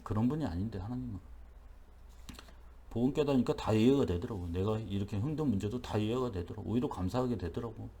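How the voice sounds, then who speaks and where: A man's voice: lowish voice, fast, warm tone. A man preaching a dawn worship sermon as pastor in a church, talking in an emphatic, repetitive, conversational way.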